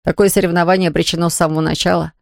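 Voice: mid-range voice, level tone, very fast, creaky, no echo, clean studio sound, natural voice. A reader voicing an ardent young man who earnestly begs his sweetheart. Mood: imploring. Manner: earnest, imploring.

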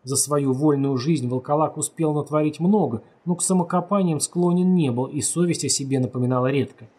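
A man reading a story aloud as narrator, steady and measured, lightly voicing the characters' lines. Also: a little high, husky. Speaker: audiobook narrator. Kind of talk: scripted narration.

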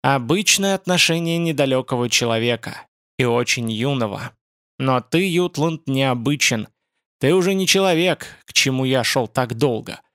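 A man reading an audiobook, voicing a creaky, sinister old male spider-man mage in a slow, gloating manner. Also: medium pitch, animated, a bit bright, no room sound, studio quality, natural voice. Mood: menacing. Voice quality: creaky, clicking voice.

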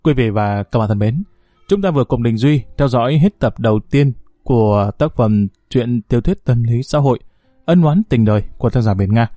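Male storyteller for an audiobook, calm and even, dry close sound. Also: mid-range voice, moderate pace, no echo, faint music behind. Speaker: audiobook narrator. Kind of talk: storytelling narration.

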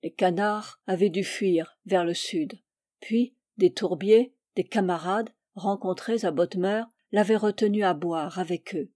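A woman narrating a classic French short story in a measured, expressive reading. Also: medium pitch, no room sound, clean studio sound. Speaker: reader. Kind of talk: literary audiobook narration.

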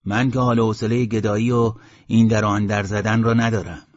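A man's voice: on the low side, level tone, dry recording, close to an everyday voice. A man voicing an uneasy, pitying male villager, on a dull lo-fi audiobook recording. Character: anxious male villager feeding the beast.

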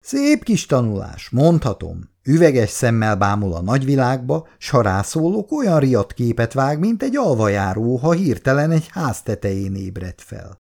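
A man's voice: medium pitch, sing-song, gravelly, hardly any pauses, a little mellow. A man voicing a worried middle-aged mother who frets, scolds and laments. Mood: fretful scolding. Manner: fretful, complaining and lamenting.

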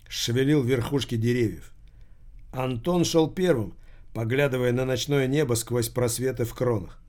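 Male audiobook narrator: measured, even reading, mid-range pitch.

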